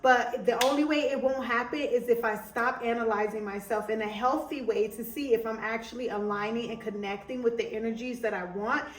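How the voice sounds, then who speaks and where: A woman's voice: on the high side, fairly even intonation, brisk, few pauses, reverberant, far from the mic. A young woman hosting a podcast, talking in a chatty, emphatic way with many asides and a country twang that comes and goes. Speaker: podcast host. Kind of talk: casual motivational monologue.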